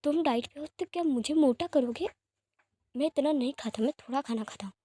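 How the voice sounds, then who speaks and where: A woman voicing an anxious, excitable young man who frets over his missing child and scolds over breakfast. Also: high voice, a little fast, no room sound, pitched above the performer's own voice, close to an everyday voice. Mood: indignant.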